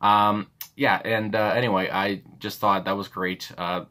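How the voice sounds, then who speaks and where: A young man hosts a music reaction channel, offering casual, unscripted commentary that rambles and hesitates, full of fillers and restarts. His voice is on the low side, with a flat delivery, a measured pace and a sharp tone.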